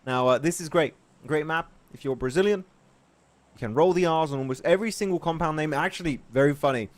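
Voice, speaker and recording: A man casting an esports match, joking with his partner and getting loud during the action. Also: fairly high pitch, fairly quick, dry recording. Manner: jokey, laughs often, rises sharply when play heats up. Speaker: esports caster. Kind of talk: esports play-by-play commentary.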